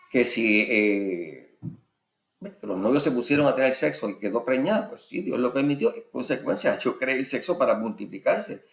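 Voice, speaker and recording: A man's voice: medium pitch, vocal fry, echoey room. A man giving a sermon in a conversational way, often checking in with his listeners. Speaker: preacher.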